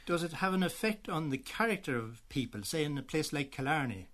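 A man's voice: on the high side, sing-song, a little fast, fairly bright tone. A man, putting questions as an interviewer for a broadcast documentary.

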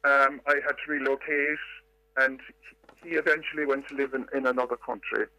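Older irish lady caller, voice run through a disguise filter, sharp bright tone, dry, slow thoughtful telling. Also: fairly even intonation, no room sound. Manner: measured, reflective storytelling with hesitations. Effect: disguised, pitch-altered voice distortion. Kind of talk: phone-in radio call.

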